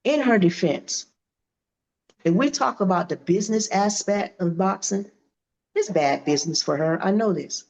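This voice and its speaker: A woman in her fifties, a boxer being interviewed, telling stories in a lively, animated way and acting out what people said. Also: mid-range voice, moderate pace, vocal fry, low-quality recording. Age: 50s. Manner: animated, acts out quoted dialogue. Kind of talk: casual interview storytelling.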